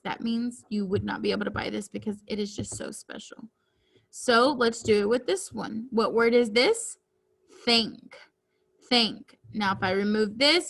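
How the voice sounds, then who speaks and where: A woman teacher giving a reading lesson to children, speaking deliberately and enunciating each word clearly. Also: fairly high pitch, a bit bright.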